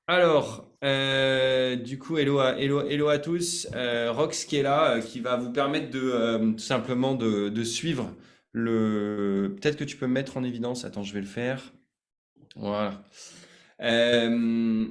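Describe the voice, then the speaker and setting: A man's voice: mid-range voice, roomy sound. Chatty man hosting a live webinar. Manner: chatty and informal, many hesitations and fillers. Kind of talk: live online training talk.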